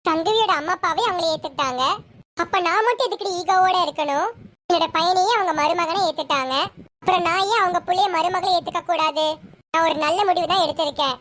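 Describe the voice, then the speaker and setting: A firm, plain-spoken mother with a Tamil accent lays down the law in a home-made family serial, as a performer puts her on. The voice sits extremely high and thin, almost childlike. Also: quick pace, a bit bright. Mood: earnest. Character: middle-aged Tamil mother, stern but forgiving.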